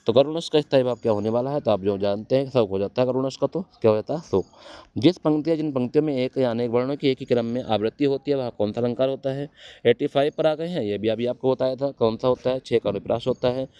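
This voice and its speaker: Male coaching-class teacher, rattling through quiz answers at speed, warm and clear, dry slightly dull recording. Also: medium pitch, no echo. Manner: quizzes students, answers own questions. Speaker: exam-prep teacher. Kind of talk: fast exam-prep lecture.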